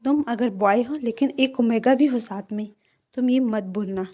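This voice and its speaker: A woman voicing a gentle, caring older sister who speaks softly and pleads in a storybook reading. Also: fairly high pitch, moderate pace, natural voice.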